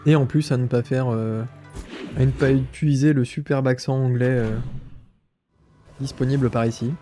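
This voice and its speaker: A man's voice: medium pitch, fairly even intonation, normal speed, dark tone, soft background music. A man with a stuffy nose, thinking aloud with many fillers as he comments on his gameplay. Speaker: gaming streamer.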